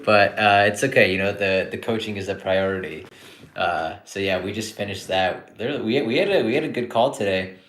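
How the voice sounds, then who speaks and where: A man in his thirties talks casually through a live-stream Q&A as a psychiatrist, relaxed and chatty, restarting his sentences often. His voice sits fairly low. The room around him is echoey. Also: brisk. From born in India, grew up in Canada. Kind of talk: casual live-stream chat answering viewer questions.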